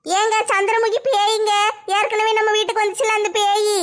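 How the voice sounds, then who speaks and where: A woman acting a complaining young wife in a comic home skit, chattering in an animated way. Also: very high-pitched, moderate pace. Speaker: comedy skit creator.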